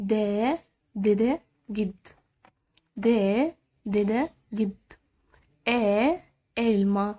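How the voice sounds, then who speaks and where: A woman with an Egyptian Arabic accent teaching Turkish letters, repeating each word slowly and patiently. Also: a little high, a little mellow. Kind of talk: slow step-by-step teaching.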